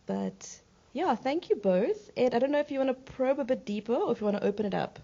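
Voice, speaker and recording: Woman host steering a panel, even and measured, dull recording. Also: a little high, gravelly. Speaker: panel moderator. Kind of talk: moderating a workshop panel.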